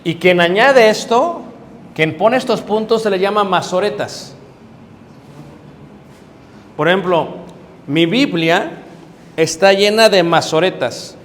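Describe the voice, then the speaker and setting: A middle-aged man, a preacher, teaching a Bible class, explaining step by step, checking in with his listeners and pausing on hesitant fillers. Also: sits high. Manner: hesitant fillers while searching for words. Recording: reverberant hall with faint background noise.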